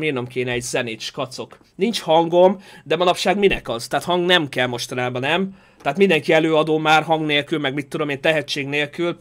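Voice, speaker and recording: A man live-streaming a game in casual chat, joking and thanking viewers for donations. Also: on the high side. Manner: animated, jokey, reads and thanks donations.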